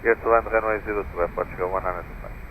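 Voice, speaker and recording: A man's voice: fairly low pitch, steady tone, rapid-fire, fairly bright tone, low-quality recording. A man speaking as a pilot over the radio, with clipped readbacks on an aviation transmission. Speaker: airline pilot. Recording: faint noise on airband radio.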